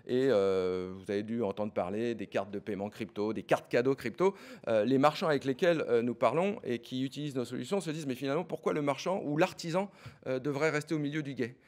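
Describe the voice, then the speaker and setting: Fast-talking businessman pitching. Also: darkish tone. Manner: fast, many fillers and repeated words. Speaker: startup executive pitching.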